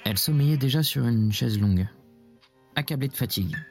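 A man narrating a literary story in a measured way that often drops to a whisper. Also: medium pitch, a little mellow, faint music behind.

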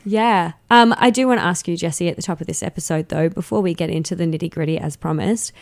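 A woman's voice: lowish voice, fast, a little mellow. A young woman co-hosting a podcast, chatty and playful, laughing often. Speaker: podcast co-host and editor. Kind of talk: casual chat.

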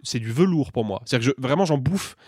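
Fast-talking animated male film critic. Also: medium pitch, breathy edge, dry recording, clean studio sound. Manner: animated, argumentative. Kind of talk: casual podcast film debate.

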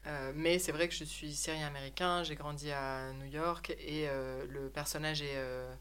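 A woman's voice: deep voice, steady tone, moderate pace, fairly bright tone, clear, resonant tone. A woman interpreting an interview into French, hesitant, with frequent euhs and self-corrections.

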